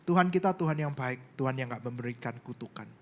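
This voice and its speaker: A pastor with an Indonesian accent preaching a sermon in church, telling a story with loud bursts and soft asides. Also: male voice, medium pitch, fast talker.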